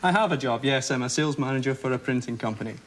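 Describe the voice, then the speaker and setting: A man's voice: mid-range voice, rapid-fire. A man from Scotland, a game show contestant telling modest, self-mocking anecdotes. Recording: noisy TV studio recording.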